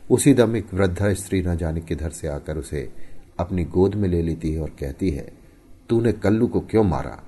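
Deep, husky male storyteller. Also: normal speed. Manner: expressive, with emphatic rises and hushed falls. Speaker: narrator. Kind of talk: dramatic audiobook storytelling.

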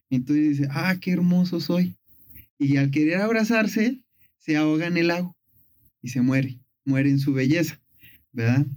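A man casually retelling a myth on a talk show. His voice sits a bit high, and he tells the story playfully, with plenty of fillers. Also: darkish tone.

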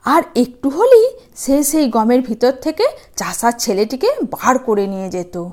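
A woman's voice: a little high, big pitch swings, measured pace, darkish tone. A woman hosting and narrating stories for young children, speaking to them in a sweet, sing-song manner. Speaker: children's story channel host and narrator.

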